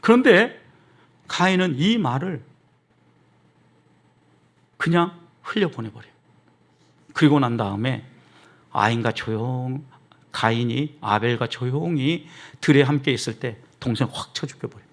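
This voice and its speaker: A man preaching a sermon as pastor, acting out quoted lines and moving between hushed asides and raised emphasis. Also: mid-range voice, measured pace, long pauses.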